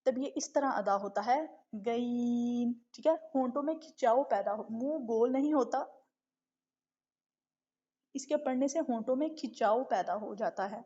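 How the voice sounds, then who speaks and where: A woman with a fairly high voice teaches recitation in a live online class. She explains patiently, stretches out letter sounds to demonstrate them, and keeps checking that her students follow. The sound is dull and lo-fi, like an online stream. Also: mellow. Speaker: tajweed teacher.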